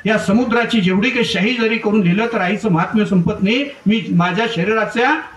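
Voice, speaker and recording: A devoted, self-sacrificing mother speaks tenderly and earnestly, as a man puts her on. The high voice echoes through a roomy space, heard from afar. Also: a little fast, fairly bright tone, slight background noise. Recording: echoey room heard from far off.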